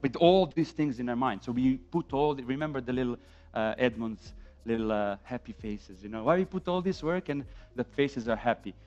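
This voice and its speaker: This is a medium-pitched man's voice at normal speed: a Serbian-accented speaker from Serbia in his thirties, presenting on film sound at a conference. Speaking from the stage of a dim indoor room, he is casual yet emphatic, animated, and fond of rhetorical questions. The audio is a dull, lo-fi event recording with music.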